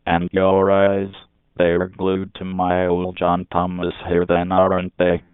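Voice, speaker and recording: A man's voice: deep voice, monotone, slow pace, smooth, dry recording. A man voicing a pushy, lewd British man in a put-on British accent, full of bawdy slang. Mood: leering. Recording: tinny phone-like sound.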